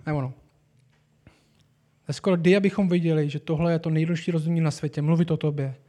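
A man preaching a sermon with earnest, building emphasis. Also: fairly high pitch. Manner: earnest, rising to animated emphasis.

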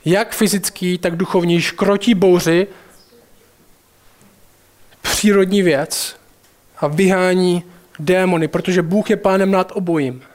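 A man with a notably high voice preaches a sermon. He speaks straight to his listeners with urgency, slowing down to drive home key phrases. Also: steady tone.

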